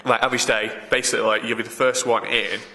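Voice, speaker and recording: A film location assistant gives rambling interview answers, full of fillers and restarts. He talks fast in a mid-range voice, with a flat delivery and a sharp tone. The room is reverberant, with faint background noise.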